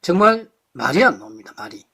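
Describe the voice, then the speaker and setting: High, lively-voiced man lecturing passionately. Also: brisk, gravelly, breathy edge. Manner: impassioned, rhetorical questions, blunt insults. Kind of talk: political lecture to a live audience.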